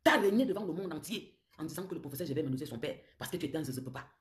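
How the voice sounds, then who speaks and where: Woman, Cameroonian French accent, live-stream host; fast, low-pitched, accusatory and confrontational delivery. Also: lively intonation, a crowd in the background. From southern Cameroon. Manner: accusatory, confrontational, repeats taunts. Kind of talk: heated live-stream rant.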